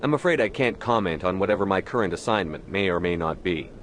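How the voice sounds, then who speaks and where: Deep, blunt Commander Shepard. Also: male voice, expressive, fast talker, a bit bright, a little hiss or hum. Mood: guarded, formal. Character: blunt, authoritative human military commander, hard-edged hero. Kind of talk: video game drama acting.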